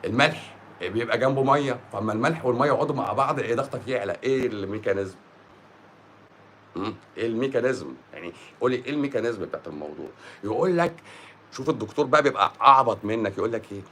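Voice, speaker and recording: A man's voice: mid-range voice, lively intonation, racing, a bit bright, slight background noise. A man with an Egyptian accent, a doctor giving a blunt, scolding monologue on a live stream and mixing English words into his speech.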